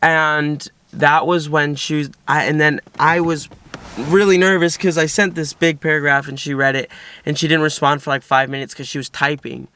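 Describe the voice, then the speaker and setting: Young man, vlog chat, bright tone, smooth clear voice, rambling casual delivery. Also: a little high, little pitch movement, moderate pace, no echo. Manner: chatty, nervous-sounding recounting, frequent "like". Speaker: vlogger, boyfriend.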